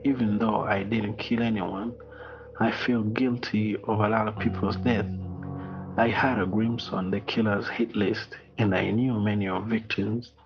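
A middle-aged Rwandan man reading a personal apology in a slow, solemn, measured way, heard over muffled video call audio. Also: on the low side, fairly even intonation, music in the background. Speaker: interview guest.

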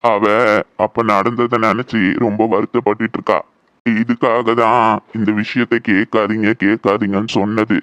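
A man voicing a gentle old village grandfather in a cartoon, speaking slowly and soothingly. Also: lowish voice, flat delivery, dry recording, dull audio, lightly acted. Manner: slow, soothing, consoling. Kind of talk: cartoon voice acting.

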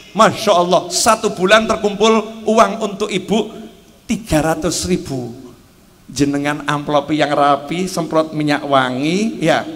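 Brief: man, Javanese accent, high-pitched comic preacher at a big gathering, acts out voices, long venue reverb. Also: sharp tone. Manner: jokey, acts out voices, mixes Javanese phrases. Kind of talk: humorous sermon. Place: large outdoor gathering.

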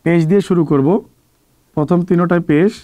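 A man's voice: sits high, a little fast, dark tone. A man from Bangladesh with a Bangladeshi Bengali accent teaches Quran pronunciation step by step, repeating each sound many times as a drill. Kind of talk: slow step-by-step pronunciation lesson.

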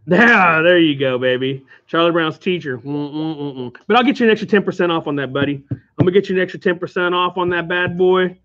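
A man's voice: high voice, fast, a bit bright. A man with an Oklahoma accent hosting a live card sale from a game store, joking and hawking prices to viewers. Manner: jokey, playful hawking. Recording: dull lo-fi stream audio.

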